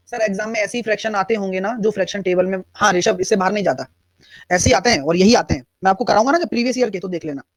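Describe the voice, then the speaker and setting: Speaking quickly in a high-pitched voice with a Hindi-English accent, a man leads an online math class live, going step by step and handling questions from the chat. No room sound is audible.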